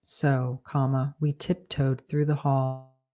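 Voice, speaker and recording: An author slowly dictating a story, calling out every comma, period and quote mark and saying "undo" after slips. The voice stays flat and dark, with an unhurried, even pace. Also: medium pitch. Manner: says punctuation aloud and corrects with "undo". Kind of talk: slow dictation with spoken punctuation.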